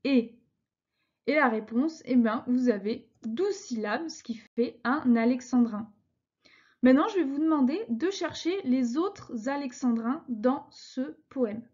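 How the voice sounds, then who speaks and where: A woman teaches a recorded lesson on verse and meter. She explains slowly and patiently, reading lines out syllable by syllable. The recording sounds a little dull and muffled. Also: high-pitched, expressive, darkish tone. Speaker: French teacher.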